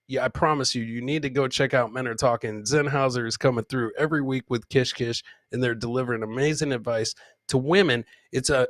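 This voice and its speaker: Hosting a comedy podcast, this man gives casual, jokey live-stream commentary, reading chat comments aloud and often repeating phrases for effect. His voice is medium-pitched, with no room sound.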